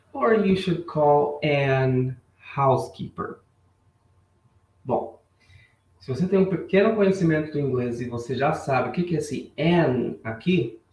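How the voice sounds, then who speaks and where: A man teaching a live online English lesson, switching between Portuguese and slowly spoken English phrases and greeting viewers in the chat. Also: mid-range voice. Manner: bilingual, repeats English phrases slowly for learners. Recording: roomy sound, mic a bit far off.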